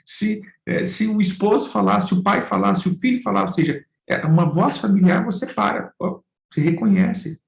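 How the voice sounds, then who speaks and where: A man's voice: high-pitched, moderate pace, vocal fry, echoey room, rough recording. A man with a Brazilian Portuguese accent preaching a sermon, firing off rhetorical questions and calling his listeners brothers and dear ones. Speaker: pastor.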